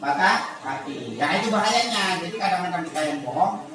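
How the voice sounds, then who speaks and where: A man's voice: high voice, lively intonation, brisk, a crowd in the background. A man teaching a religious lesson to a class, reading Arabic lines and explaining them casually, acting out little scenes. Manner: reads Arabic text then explains it in casual speech; acts out short scenes in quoted voices. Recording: echoey room, far from the mic, noisy.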